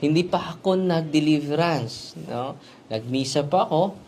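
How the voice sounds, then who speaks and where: A man's voice: fairly high pitch, normal speed, darkish tone, a little hiss or hum. A man, a priest telling a story in a sermon and often ending his sentences with a questioning "no?". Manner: storytelling, with frequent "no?" tag questions.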